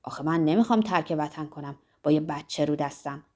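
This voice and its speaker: A woman voicing a cool, hesitant male lover who speaks in a low, hushed murmur. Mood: muttering.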